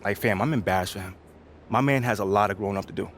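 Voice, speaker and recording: Speaking fast in a lowish, near-everyday voice, a young male actor plays a sincere basketball rookie for a video game, in a cutscene styled as a relaxed interview. He comes across as self-assured and slangy, calm but let down, over clear background noise.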